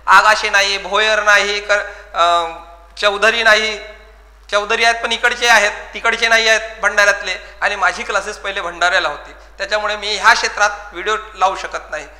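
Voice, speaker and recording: A coaching class teacher talks earnestly to exam students. His voice sits very high and sounds sharp and tense. He repeats his points, and the sound rings with long reverb in an echoey room. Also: steady tone, a little fast. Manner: earnest, repetitive, addresses students as friends. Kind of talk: motivational talk to exam students.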